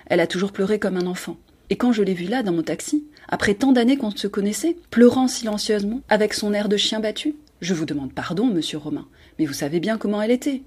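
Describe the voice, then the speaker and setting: A woman voicing a gentle, timid middle-aged male taxi driver, plain-spoken and rueful, in an audiobook reading. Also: medium pitch, husky, lightly acted.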